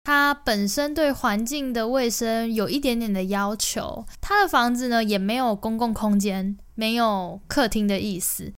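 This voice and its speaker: A young woman from Taiwan, hosting a podcast and telling a personal story in an animated, emotional way. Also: on the high side, a little slow, few pauses, clear, resonant tone. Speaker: podcast host.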